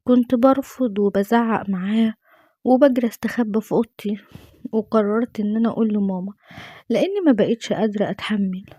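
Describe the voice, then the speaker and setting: A woman with an Egyptian Arabic accent narrating a first-person true story in a tense, dramatic way, often dropping to a hush. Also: medium pitch, steady tone, fast talker, no echo, clean studio sound.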